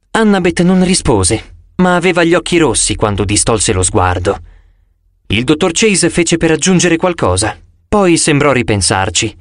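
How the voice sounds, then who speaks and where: A man reading an audiobook with animated first-person storytelling. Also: fairly high pitch, no room sound, studio quality. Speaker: audiobook narrator.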